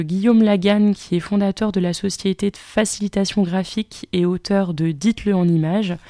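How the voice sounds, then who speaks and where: A woman presenting book recommendations on the radio. She talks quickly, with many hesitations and self-corrections. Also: medium pitch, mellow.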